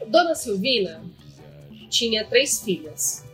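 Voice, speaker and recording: A woman co-hosting a podcast, chatting casually with opinionated, quick-reacting banter. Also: a little high, big pitch swings, a bit bright, soft background music. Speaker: podcast co-host. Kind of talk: casual chat.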